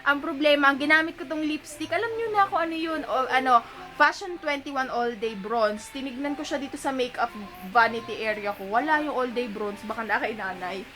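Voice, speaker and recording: A woman's voice: sits high, fairly quick, bright, forceful tone, faint music behind. A young Filipino woman with a Filipino accent, chatting casually to viewers in a home vlog, recorded by a camera on a tripod in her bedroom. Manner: chatty, addresses viewers as sisters, mixes in English. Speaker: vlogger and young mother.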